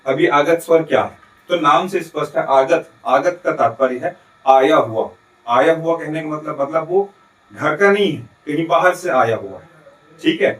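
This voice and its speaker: A man teaching a recorded lesson in a Chhattisgarhi Hindi accent, his voice sitting a bit higher than most men's. He explains step by step, asks questions and answers them himself, and keeps checking in with his students. The room around him echoes. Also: normal speed, fairly bright tone. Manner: adds frequent checking tags.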